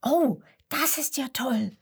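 An eager, excited little boy, voiced by a woman reading a children's storybook, high and bright with curiosity. His voice springs about in lively swings. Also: takes it slowly, husky, exaggerated voice.

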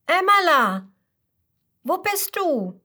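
Lady doing a little storybook bunny boy, high and eager, calling loud for his pal. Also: takes it slowly.

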